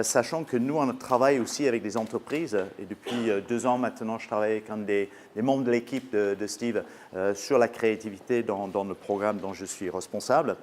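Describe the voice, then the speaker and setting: Speaking French at a conference, a male business school professor, a native English speaker with an English accent, stumbles through many fillers and restarts. His voice is on the low side and darkish, and a slight hiss or hum sits in the background.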